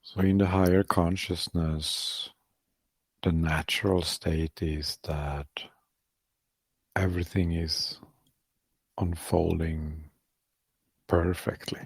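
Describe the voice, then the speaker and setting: This guided meditation is led by a man speaking softly and without hurry, his low voice creaky and barely shifting in pitch. He offers calm instructions in brief, halting bits with long silences between them, and the recording is dry.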